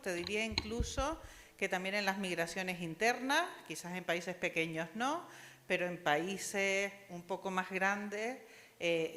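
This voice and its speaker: In a university lecture hall with long reverb, a woman from Spain in the audience at an academic panel makes a discursive comment and asks questions, often adding tag questions. She speaks with a Spanish accent in a voice on the low side with a fairly bright tone.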